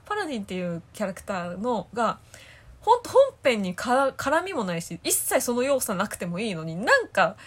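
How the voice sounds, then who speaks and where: A woman co-hosting a casual talk podcast, chatting in a lively, giggly way and jumping high when excited. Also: a little fast, breathy edge. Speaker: podcast co-host. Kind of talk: casual chat.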